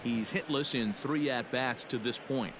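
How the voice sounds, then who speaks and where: Casting: male actor as baseball play-by-play caller, medium pitch, commentary over noisy ballpark ambience. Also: a little slow, close to an everyday voice. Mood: announcing. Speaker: play-by-play announcer. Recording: clear background noise of ballpark ambience.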